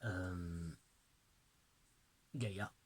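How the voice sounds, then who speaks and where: Man, slow-paced, halting delivery, casual card-showing chat, occasional whispers. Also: sits low, slight background noise, low-quality recording. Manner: hesitant, halting, addresses the viewer directly. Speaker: oracle card presenter.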